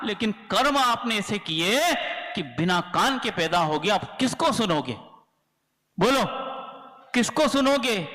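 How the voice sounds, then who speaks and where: High bright-voiced preaching monk. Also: male voice. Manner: lively preaching, acting out dialogues and asking the crowd questions. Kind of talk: sermon. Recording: reverberant hall.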